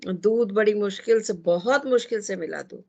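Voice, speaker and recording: A woman's voice: mid-range voice, unhurried, vocal fry, warm tone, slightly rough, muffled recording. A woman teaching an online astrology class, chatting casually and rambling with easy laughs over a video call.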